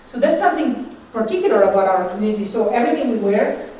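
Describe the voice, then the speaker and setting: A middle-aged religious sister from Northern Italy speaks informally and conversationally to a group, with an Italian accent. Her voice is medium-pitched, mellow, expressive and fast. The room is very echoey, the mic distant, with faint noise.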